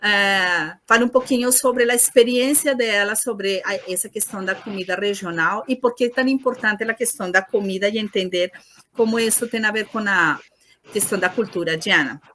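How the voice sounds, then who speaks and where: Introducing the lecturer, the course host speaks spontaneously and sometimes hunts for the right word. She's a native Spanish speaker with a Latin American accent, and her medium-pitched voice sounds fairly bright at a moderate pace, with a little hiss or hum in the background.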